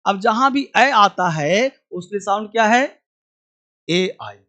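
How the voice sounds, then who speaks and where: A male teacher running a demo class on English spelling. He drills each sound by repeating words several times and firing quick questions at his students, and he addresses them fondly as children. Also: high voice, animated, pushed and bright.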